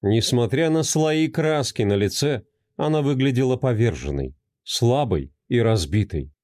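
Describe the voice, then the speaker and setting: A man narrating a crime novel as an audiobook, with expressive storytelling. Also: mid-range voice, a little slow, no room sound, clean studio sound.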